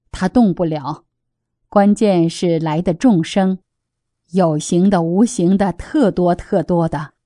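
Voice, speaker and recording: A woman reading the part of a calm Buddhist teacher who gives guidance in a gently instructive way. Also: mid-range voice, no room sound, studio quality, close to an everyday voice.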